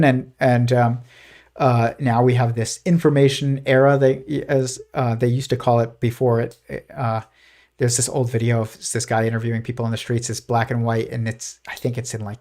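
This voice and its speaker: Hosting a live physics show, a man with a mid-range, darkish voice keeps things casual and meandering, with frequent fillers and false starts. When he quotes, he puts on a posh voice from another era.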